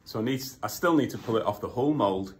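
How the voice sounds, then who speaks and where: A man, filming himself on a phone in an indoor workshop as he builds a kayak, talking in a gushing, emotional way with lots of halting restarts. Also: mid-range voice. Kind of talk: casual selfie vlog. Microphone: phone at arm's length.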